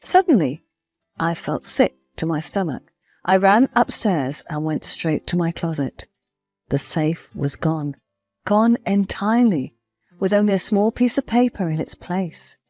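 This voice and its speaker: A woman's voice: lowish voice, expressive, measured pace, darkish tone, faint music behind. A woman narrating a first-person story in a confiding, storytelling manner.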